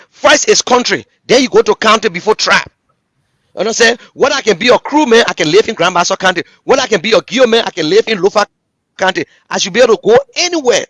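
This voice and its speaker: With a high-pitched, fairly bright voice and no echo, a man with a Liberian English accent hosts a talk show full of passionate political commentary. He's impassioned and repetitive, addressing listeners directly and rhetorically.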